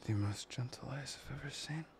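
Whispery, creaky possessive young man, as a man plays him. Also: medium pitch, slight background noise, close to an everyday voice. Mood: adoring. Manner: murmuring, intimate, slow and breathy. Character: possessive, obsessive young man, soft-spoken and controlling. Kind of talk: whispered ASMR audio roleplay.

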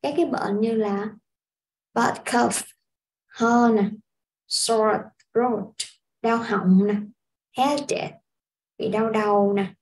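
A woman from Vietnam teaching a casual language lesson, explaining step by step in an unhurried way with frequent filler sounds. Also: a little high, fairly even intonation, slight background noise, poor audio. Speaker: English teacher.

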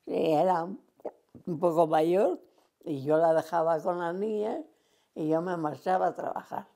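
Very old, gravelly woman. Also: lowish voice, a little slow, warm tone. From Cantabria, Spain. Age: 100s. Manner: rambling reminiscing, acts out remembered dialogue. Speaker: interviewee. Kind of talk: oral history storytelling.

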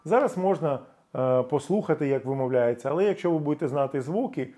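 A middle-aged Ukrainian-speaking man teaching English pronunciation, slowly modelling English words with emphatic stress. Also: fairly high pitch, animated, dark tone. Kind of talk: explanatory video lesson.

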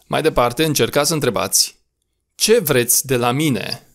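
A man teaching a recorded language lesson, patiently spelling out words and repeating them slowly. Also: mid-range voice, gravelly, a bit bright.

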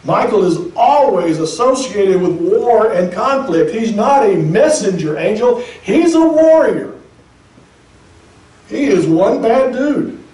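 A man preaching in a mellow, fairly high voice, emphatic one moment and chatty the next. He is heard from a distance in a roomy church hall with audible echo. The delivery is a pastor's sermon. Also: animated, a little slow. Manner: emphatic, conversational preaching with speculative asides.

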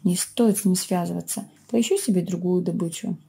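A wary tiger in a children's storybook, read by a woman, muttering to itself in a dark, husky voice. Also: on the low side, fairly quick.

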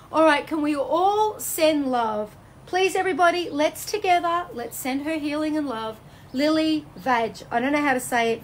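Bubbly high-pitched woman streaming live. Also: slight background noise. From Australia. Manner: bubbly and effusive, swings between high exclamations and low soothing tones. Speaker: psychic medium hosting a live stream. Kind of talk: live-streamed chat reading viewer comments.

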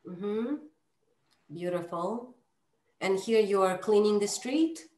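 A woman's voice: mid-range voice, takes it slowly, darkish tone. A woman hosting an interview over a video call from home, introducing her guest in a chatty way. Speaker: host. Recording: roomy video call audio.

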